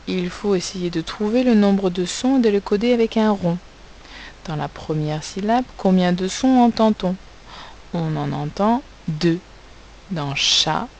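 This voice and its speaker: A woman's voice: on the low side, slight background noise, poor audio. A woman teacher giving a recorded phonics lesson to young pupils, carefully spelling out sounds and letters.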